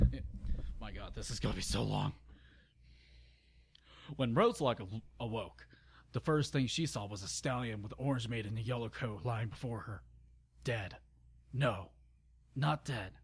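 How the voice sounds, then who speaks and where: A man with a mid-range, slightly rough voice narrates a dramatic story as the channel host. The reading is amateur, informal and stumbling, broken up by exasperated, sarcastic asides.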